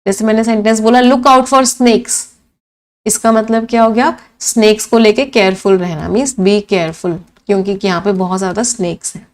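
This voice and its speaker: A woman's fairly quick, darkish, mid-range voice shows little pitch movement. She runs an English vocabulary session for exams in a Hindi-English mix, answering her own questions and repeating each meaning.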